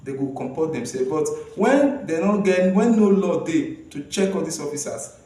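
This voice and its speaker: A man's voice: a little high, animated, moderate pace, warm tone. A man with a Nigerian accent co-hosting a conversational civic discussion in Nigerian Pidgin. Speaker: co-host of a citizens' rights programme. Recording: very echoey room, distant from the mic.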